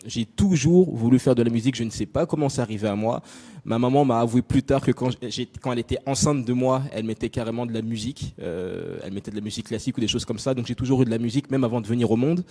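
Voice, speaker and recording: A man's voice: medium pitch, quick pace, dark tone, husky. A young adult man from France giving a personal talk to an audience, direct and chatty with many fillers. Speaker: invited speaker. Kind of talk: conference talk on stage.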